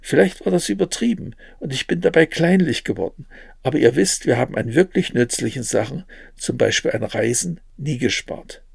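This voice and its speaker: A man voicing a caring, worried mother in a read-aloud memoir, with a gravelly voice. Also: medium pitch, animated, moderate pace, no echo, clean studio sound, full character voice. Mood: earnest.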